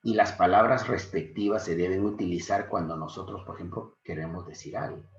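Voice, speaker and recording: A man's voice: low voice, a little fast. A man teaching a secondary school literature class online. He keeps asking his students questions and calls them his dear students. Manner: animated, questions students often, affectionate teacherly asides. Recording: echoey room, dull lo-fi sound.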